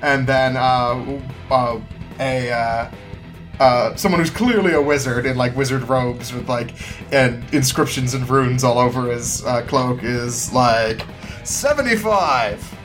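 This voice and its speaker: A man running a tabletop game, narrating scenes in a loose, rambling way and stopping often to restart his sentences. His voice sits at a mid pitch, and soft music plays behind him. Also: steady tone, measured pace. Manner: rambling, many fillers and restarts. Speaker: game master.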